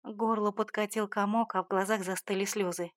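A woman narrating a first-person audiobook in a steady, measured, dramatic reading. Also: mid-range voice, no echo, clean studio sound.

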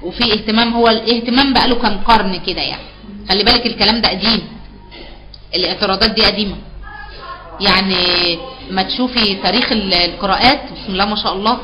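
A woman's voice: medium pitch, fast talker, over music, low-quality recording. A woman with an Egyptian accent teaching a live online Quran recitation class, patiently explaining and repeating key terms back as questions. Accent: Egyptian Arabic.

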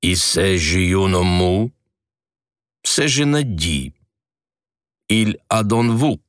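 Male reader doing a haughty, shrill Frenchwoman for an audiobook, rolled r's, high and sharp. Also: slow, no room sound, clean studio sound, full character voice. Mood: distressed. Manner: shrill, rolls her r's, mixes in French. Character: fiery middle-aged Parisian woman, indignant, haughty.

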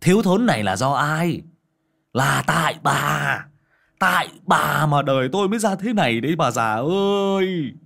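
A man's voice: fairly high pitch, animated, unhurried, vocal fry, fairly bright tone, pitched above the performer's own voice, exaggerated voice. Man playing a haughty, bullying son. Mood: scornful. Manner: scornful, bossy, haughty. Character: spoiled, greedy young man bullying his mother.

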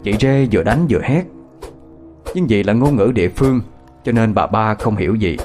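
A man narrating a ghost story as a lively, dramatic storyteller. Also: fairly low pitch, moderate pace, faint music behind.

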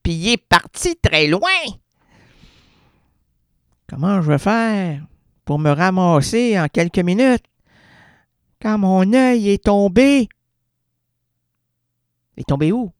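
A man's voice: high-pitched, lively intonation, takes it slowly, long pauses, clean tone, no echo. A man with a Québécois accent, a radio columnist delivering a rambling, theatrical, absurdist comedic monologue in a studio. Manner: theatrical, rambling, playful wordplay.

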